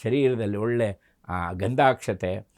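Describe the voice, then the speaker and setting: A man, a religious scholar, telling devotional stories in a lively, expressive way and acting out the voices in them. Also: lowish voice, takes it slowly. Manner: animated, acting out the story's voices. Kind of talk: devotional storytelling discourse.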